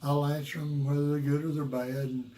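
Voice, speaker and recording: A man teaches guitar in a roomy, echoing space. His voice is worn yet mellow and sits a little high. He talks casually and folksily, halting and circling back over what he has said. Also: flat delivery. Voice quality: worn voice from years of rock and roll. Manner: folksy, halting, repeats himself. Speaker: guitar teacher and video host. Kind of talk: casual instructional talk to viewers. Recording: roomy, echoing room sound.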